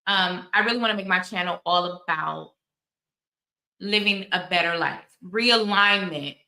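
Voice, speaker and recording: In her forties, this woman hosts her own channel and talks candidly in a casual commentary, telling stories packed with asides. She speaks at a measured pace in a lowish, bright, forceful voice, and the rough recording is reverberant.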